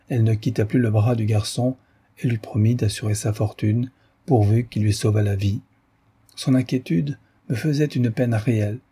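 A man reading a classic novel aloud in measured, literary narration. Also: on the low side, mellow, breathy edge. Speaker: audiobook reader. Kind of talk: scripted narration.

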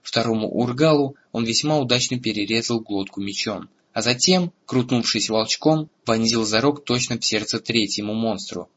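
A man narrating a fantasy audiobook in a steady storytelling manner, in a lo-fi recording. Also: mid-range voice, normal speed, few pauses, slight background noise. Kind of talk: scripted narration.

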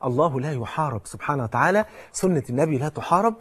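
Fast-talking egyptian sheikh, husky voice, rattling off names in a sermon. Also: male voice, on the high side, expressive. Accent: Egyptian Arabic. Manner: reads out long lists of names warmly, then exhorts. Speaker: preacher. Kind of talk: religious lecture.

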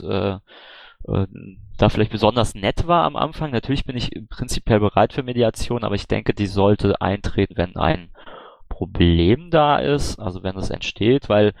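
Running for a party board, a man answers questions in an online voice chat, hesitating with many fillers and restarts in casual replies. His voice is fairly low and gravelly, moderately paced, with no echo.

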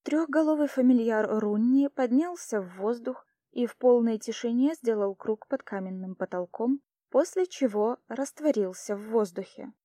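A woman narrating an audiobook with steady storytelling reading. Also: on the high side, moderate pace, no echo, clean studio sound. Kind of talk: scripted narration.

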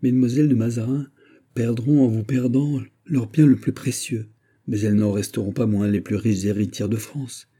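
A man voicing a young king who speaks gravely and firmly, with a touch of irony, in a husky voice. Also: mid-range voice, steady tone, normal speed, mellow, natural voice. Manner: grave, firm, slightly ironic. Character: young king, grave beyond his years.

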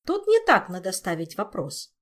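A woman's voice: mid-range voice, huge pitch swings, normal speed. A woman reading an audiobook, voicing a stern queen who explains things in a frowning, matter-of-fact way. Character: stern, reasoning young queen.

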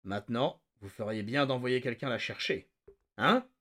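A man voicing a calm, menacing male agent who speaks slowly and quietly. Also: medium pitch. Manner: slow, quiet, even.

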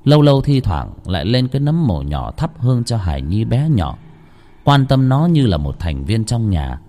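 A man narrating a ghost story in a dramatic, lively storytelling manner. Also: fairly low pitch, moderate pace.

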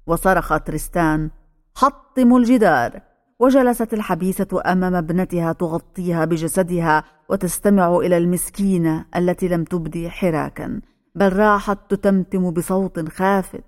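A woman narrating a dramatic novel as an audiobook, in a measured, even manner. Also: on the low side.

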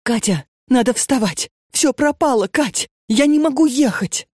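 A woman's voice: lowish voice, expressive, moderate pace, dark tone, no echo, clean studio sound. A woman reading an audiobook and voicing a distraught young woman who pleads frantically and breathlessly. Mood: panicked.

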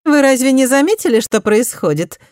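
A woman reading an audiobook, voicing a spoiled, accusing pregnant young noblewoman in a high, loud voice. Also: expressive, brisk, dry recording, studio quality. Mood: scheming.

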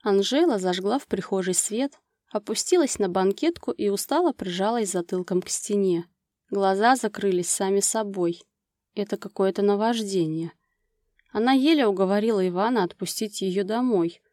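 Mellow-voiced woman narrating a romance audiobook. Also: medium pitch, moderate pace, dry recording, clean studio sound. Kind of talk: scripted romance novel narration.

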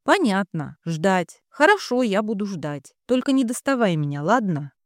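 A frustrated, blunt young man in a storybook, as a woman reader puts him on. He talks in exasperated outbursts with a lively, swinging pitch, and the recording is dry and close. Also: normal speed, dry recording, lightly acted. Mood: resigned. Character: young strong man, frustrated, secretly in love.

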